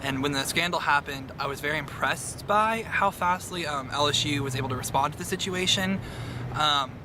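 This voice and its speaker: A man's voice: a little high, moderate pace. A man of twenty, a student interviewee weighing the matter in an analytical way with ums. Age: 20s. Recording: outdoor traffic noise.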